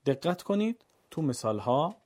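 A man teaching the rules of Quran recitation, explaining step by step and chanting the examples in a slow, melodic voice. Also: fairly high pitch, big pitch swings, a little mellow. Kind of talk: instructional explanation.

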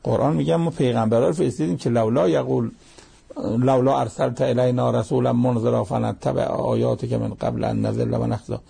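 Gravelly, husky-voiced male preacher. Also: mid-range voice, steady tone, dark tone. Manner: recites Arabic verses, explains in Persian, asks pointed rhetorical questions. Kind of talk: sermon on Quran verses.

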